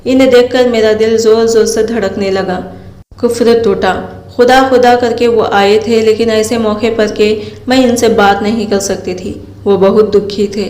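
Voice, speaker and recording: A woman's voice: fairly high pitch, steady tone, moderate pace, a little mellow. A woman telling a first-person moral story aloud, voicing its characters' lines in her own plain voice. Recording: roomy echo.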